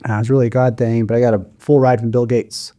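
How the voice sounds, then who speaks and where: A man's voice: medium pitch, flat delivery, fast talker, dark tone. A man in his forties who grew up in Kenya, a podcast guest telling his story in an upbeat, chatty way. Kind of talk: casual chat.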